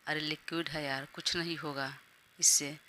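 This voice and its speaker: A woman's voice: sits low, fairly even intonation, normal speed, sharp tone, slight background noise. A woman voicing a caring young husband. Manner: tender, bossy in a caring way. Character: caring young husband, gentle but firm.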